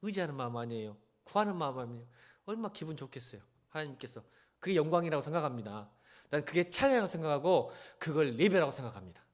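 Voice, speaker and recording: A senior pastor, male, preaches a church sermon with Bible reading in a very lively voice that swings widely, pitched fairly high and delivered fast. He speaks conversationally and directly to listeners, urging them on and posing rhetorical questions.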